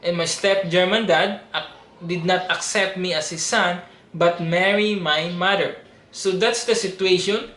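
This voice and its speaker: A Filipino man in his twenties, auditioning for a reality show, makes an earnest, pleading personal appeal to the camera. His high-pitched voice moves a little slowly, and the room echoes with steady background noise.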